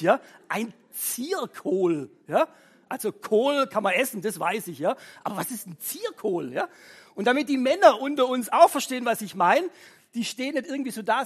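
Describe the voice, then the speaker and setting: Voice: medium pitch, breathy edge. A middle-aged preacher giving a casual devotional talk, chatting with listeners and reading scripture aloud between remarks. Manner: chatty, keeps asking "ja?" of listeners.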